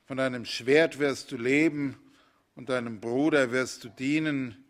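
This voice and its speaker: A man's voice: mid-range voice, fairly even intonation, lightly acted. A man reading as old father Isaak, solemn. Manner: solemn, slow biblical recitation. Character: aged blind father blessing his sons.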